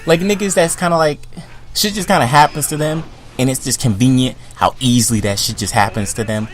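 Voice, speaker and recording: Young guy ranting at the camera, gets loud then mutters low, cussing, little music in the back. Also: a little fast. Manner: animated, heated, swings between loud outbursts and low mutters, filler-heavy. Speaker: vlogger. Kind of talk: profane comedic rant.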